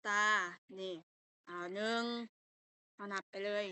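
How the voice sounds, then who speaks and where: A woman's voice: takes it slowly, pushed and bright. A young woman with a Lao accent, teaching an online language lesson and explaining step by step with patient fillers.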